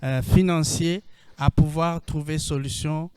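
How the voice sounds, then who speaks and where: Slow-speaking Congolese French man. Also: on the high side, fairly even intonation, dark tone, clear, resonant tone. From Democratic Republic of the Congo. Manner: measured, with frequent hesitations. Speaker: panelist, co-op founder. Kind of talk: panel introduction.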